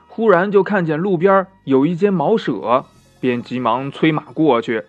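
A man narrating a children's story in a gentle, unhurried way, stretching out the little particles at the ends of phrases. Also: fairly high pitch, dull audio, faint music behind.

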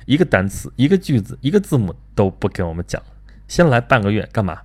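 Man, casual lecture, lively swinging pitch, rhetorical questions. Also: fast talker. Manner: lively, rhetorical questions, frequent filler particles. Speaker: host. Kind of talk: casual lecture-style talk.

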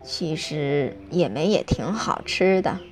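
A woman's voice: deep voice, lively intonation, slow, soft background music, voice pushed down. A woman voicing a clever but flustered male fox who stammers as a reluctant father, in a bedtime storybook reading. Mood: musing. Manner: stammering and sighing.

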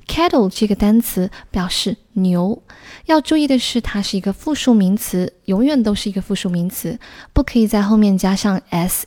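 Mellow-voiced woman teaching English words. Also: medium pitch. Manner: patient, spells out words letter by letter. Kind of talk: explaining English vocabulary.

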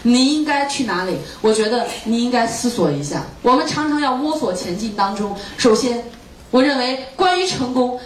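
A woman lecturer giving a motivational talk to students, often firing rhetorical questions at the audience. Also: on the high side. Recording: echoey room, mic far off, faint noise.

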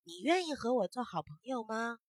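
A woman voicing a small, eager, lonely firefly who is searching for friends, calling out high and bright and refusing flatly. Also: moderate pace, no echo, clean studio sound.

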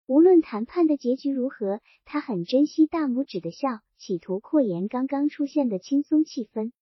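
A woman reading a novel aloud as narrator, telling the story in a steady, measured way. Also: high-pitched, breathy edge, no room sound. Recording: dull lo-fi, dry sound.

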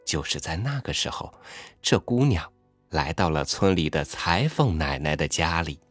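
A man reading a story aloud in a soft, intimate, expressive way, sometimes dropping to a hush. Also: a bass voice, moderate pace, no room sound, faint music behind.

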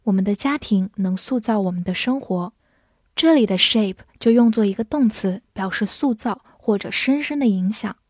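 A woman teaching English vocabulary, spelling words out letter by letter and reading example sentences slowly for students to repeat. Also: medium pitch, dry recording, studio quality. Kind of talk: vocabulary lesson.

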